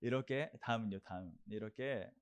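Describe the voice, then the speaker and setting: A man's voice: lowish voice, normal speed, smooth. A young man preaching a sermon, earnest and repetitive, leading the congregation in declarations. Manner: earnest, repeats phrases, leads the congregation in declarations.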